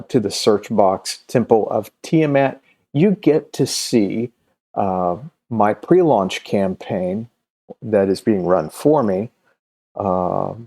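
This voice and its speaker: Hosting a comics recommendation video channel, a middle-aged man addresses his audience off the cuff, wandering through his thoughts with lengthy pauses and a stop-start delivery. His voice is fairly low and dark in tone.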